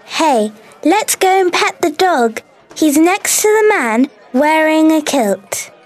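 An excited young girl. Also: sits high, takes it slowly, music in the background. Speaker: character in a textbook dialogue.

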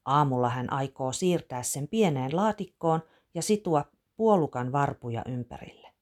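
Low, lively woman storyteller. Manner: expressive, lively reading. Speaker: narrator. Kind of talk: scripted storybook narration.

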